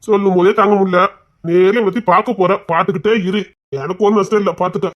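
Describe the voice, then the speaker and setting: A man's voice: high-pitched, fairly even intonation, fast talker, highs cut off, natural voice. A man acting a playful, teasing young man in a comic romance drama, stammering and joking in a Tamil accent. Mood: taunting. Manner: teasing, stammering, mock-crying.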